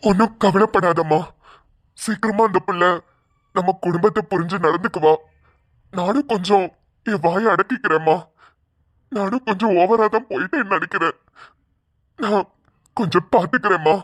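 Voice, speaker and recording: Kindly forgiving old grandfather in a cartoon; calm, fairly high voice. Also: moderate pace, long pauses. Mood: remorseful. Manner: calm, consoling. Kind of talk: cartoon voice acting.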